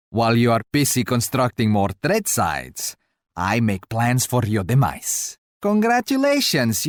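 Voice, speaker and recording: A male actor playing an arrogant, mocking Portuguese royal conqueror in a video game, speaking in a haughty, theatrical, deliberate way. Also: mid-range voice, no echo, clean studio sound. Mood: sly taunting. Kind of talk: scripted video game taunts.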